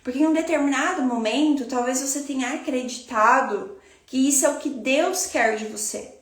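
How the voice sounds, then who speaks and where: A woman's voice: high voice, moderate pace, roomy sound. A woman with a Brazilian Portuguese accent giving a spiritual self-help talk as a teacher, speaking reflectively and addressing the listener directly.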